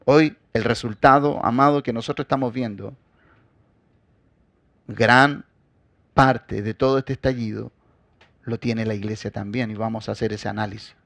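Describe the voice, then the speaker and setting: A man preaching a sermon as pastor. He addresses the congregation directly and swings between loud, forceful emphasis and quiet asides. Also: medium pitch, steady tone, normal speed, vocal fry, long pauses, dry recording.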